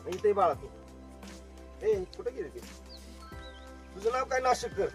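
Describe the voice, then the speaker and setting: A middle-aged magician works an outdoor farm crowd. His voice sits high for a man, and he is a joking showman who keeps calling for loud applause. Clear music plays behind him. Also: big pitch swings, unhurried. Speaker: magician performing for a tour group. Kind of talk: lively stage patter with crowd banter. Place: outdoors at an agro-tourism farm.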